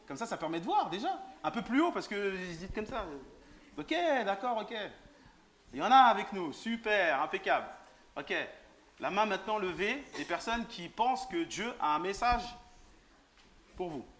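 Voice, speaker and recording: A man's voice: high-pitched, animated, moderate pace, a bit bright, slight background noise. A man giving an informal sermon in church, joking, teasing and quizzing the young people in the pews. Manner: joking, teasing, questions the audience. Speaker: lay preacher. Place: church hall.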